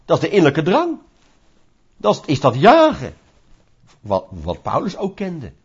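A man preaching a sermon in a lively, conversational way, asking rhetorical questions and acting out little scenes. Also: a little high, a little slow, breathy edge. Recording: dull lo-fi recording.

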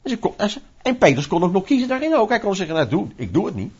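A man preaching a sermon in a lively, conversational way, asking rhetorical questions and acting out little scenes. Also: sits high, fast, slightly rough. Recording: dull lo-fi recording.

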